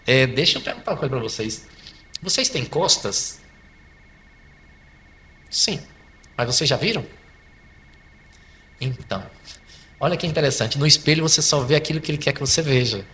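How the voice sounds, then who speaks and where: Animated Brazilian man, bright voice. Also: mid-range voice, moderate pace, pauses often. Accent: Brazilian Portuguese. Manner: animated, repeats and restarts words. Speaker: psychologist guest. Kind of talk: conversational explanation. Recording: faint background noise.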